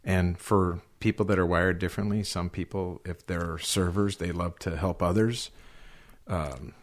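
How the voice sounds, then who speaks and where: Low-voiced man musing in conversation. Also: steady tone, measured pace. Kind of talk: casual ministry podcast discussion.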